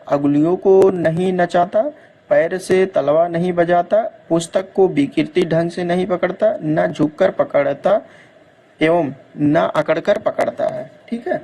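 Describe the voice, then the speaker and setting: A man with a Hindi-belt Indian accent teaches an exam-prep lesson, reading steadily from his notes. His voice sits a little high and has a gravelly edge. He keeps stopping to check in with his students. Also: mellow. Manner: reads notes aloud, adds "ठीक है" check-ins.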